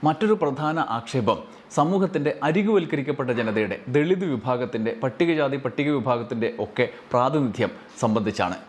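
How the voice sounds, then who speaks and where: A man narrating a news report in a measured, explanatory way. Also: mid-range voice, animated.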